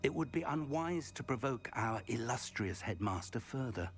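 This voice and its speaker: A patient older wizard professor guides his student in a video game, voiced by a man. He speaks in a measured, formal way, with a voice that rises and falls expressively at a mid pitch. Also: lively intonation, faint music behind, natural voice.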